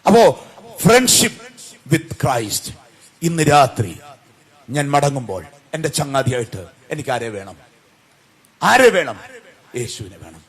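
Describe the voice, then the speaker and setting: A male preacher giving a sermon, firing questions at the congregation and swinging from loud calls to soft, low answers. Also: very animated, takes it slowly, pauses often, husky. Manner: call-and-response questions to the congregation.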